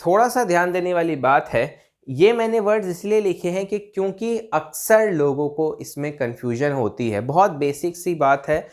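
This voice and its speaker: Lively male teacher drilling pronunciation. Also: a little high. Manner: repeats words slowly, drawn out, checks in with "theek hai?"; writes on a board while talking. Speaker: English teacher. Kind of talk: pronunciation lesson.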